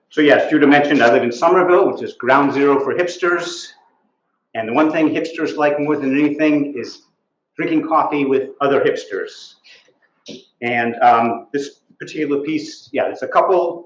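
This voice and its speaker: A man, a storyteller, reading his own fiction aloud at a live event in a measured, wry way. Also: mid-range voice. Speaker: storyteller and novelist. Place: art gallery at a live event. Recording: roomy, dull live recording.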